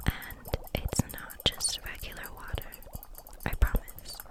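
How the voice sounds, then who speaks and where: A woman whispers her way through an ASMR roleplay, playing a gentle, kindly kitchen witch with a soothing, unhurried manner.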